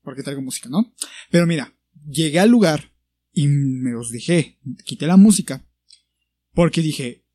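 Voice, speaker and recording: A young podcast co-host with a Mexican Spanish accent tells a story in casual conversation, animatedly acting out the people he quotes. His voice is fairly high and a little slow, with long pauses, and there's no room sound.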